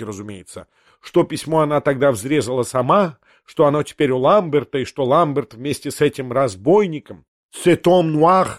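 A man reading a literary audiobook in measured, expressive storytelling. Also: mid-range voice, dry recording, clean studio sound. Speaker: audiobook narrator.

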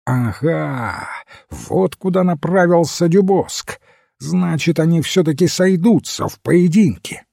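A man voicing a proud, eager aristocratic duke with lively, raised exclamations. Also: medium pitch, takes it slowly, breathy edge, dry recording, clean studio sound, full character voice.

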